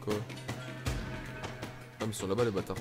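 A young man from France giving excitable, swearing commentary while playing a game, shouting in panic at times. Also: lowish voice, normal speed, over music. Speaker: gaming YouTuber. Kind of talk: let's play commentary.

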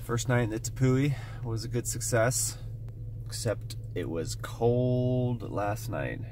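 A man narrates his own outdoor vlog in short, matter-of-fact remarks at a middling pitch. He speaks into a handheld phone out on a snowy mountain ridge, with a faint hiss of noise behind him. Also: takes it slowly, a little mellow. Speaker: outdoor vlogger. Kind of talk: casual vlog narration to camera.

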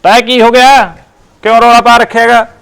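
A man's voice: high voice, quick pace, fairly bright tone. An actor playing a young nephew in a Punjabi village drama, coaxing his uncle, with a Punjabi accent. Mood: placating. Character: soothing young nephew who calms the family.

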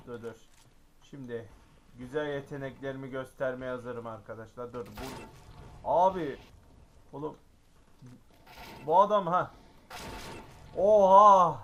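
A man commentating his own gameplay, excitable and frequently exclaiming and grumbling at the game. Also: medium pitch, slight background noise. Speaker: gaming YouTuber.

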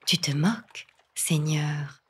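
A woman's voice: deep voice, slow pace, husky, far from the mic, full character voice. A woman voicing a fearful young peasant boatwoman who pleads in a trembling, whispery voice. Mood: pleading.

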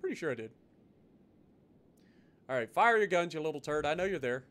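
Male game streamer, higher register, off-the-cuff chat and commentary, profane, exasperated griper. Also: expressive, brisk, a bit bright. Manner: sweary, exasperated griping. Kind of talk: casual live gaming commentary with chat.

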